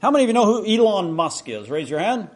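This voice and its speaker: A man's voice: high voice, big pitch swings, quick pace. A man preaching a sermon, telling stories in a conversational way with frequent restarts.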